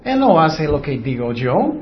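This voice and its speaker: A man with a fairly high, widely swinging voice preaches a Bible lesson at an unhurried pace. He argues through rhetorical questions and mocking quotes of what others say, recorded with slightly dull lo-fi sound and slight background noise.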